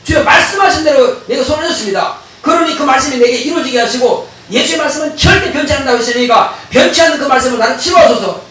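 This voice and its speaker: A male pastor giving an animated sermon in a church. He laughs, acts out dialogues and bursts into shouts. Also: extremely high pitch, fast talker, few pauses. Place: church sanctuary. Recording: very echoey church hall, distant mic, faint noise.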